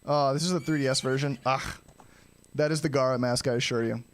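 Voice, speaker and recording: A man giving casual live speedrunner commentary, explaining each step of a game to viewers and often clearing his throat. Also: medium pitch, steady tone, a little fast. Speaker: speedrunner streaming a game challenge.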